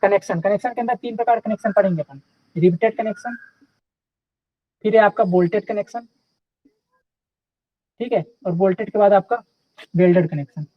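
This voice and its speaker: A man's voice: sits high, fairly quick, pauses often, dry recording, highs cut off. A young man teaching a live online class in a casual, chatty way, often checking in with his students.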